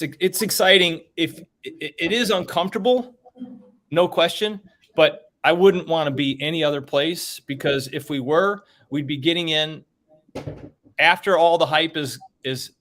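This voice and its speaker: Talkative, slightly high-voiced man host. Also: unhurried, fairly bright tone. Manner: talkative, rambling, upbeat. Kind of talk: casual chat.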